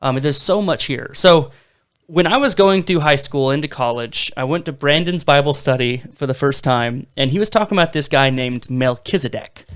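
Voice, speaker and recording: A man's voice: medium pitch, normal speed, fairly bright tone, clean tone. A young man in his twenties co-hosting a casual Bible discussion podcast, telling the story eagerly with some fillers. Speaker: podcast co-host.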